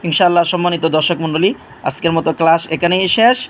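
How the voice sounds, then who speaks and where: A man teaching Arabic letter sounds, stretching each one out slowly to demonstrate it. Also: a little high, a bit bright, a little hiss or hum. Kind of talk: online Quran letter lesson.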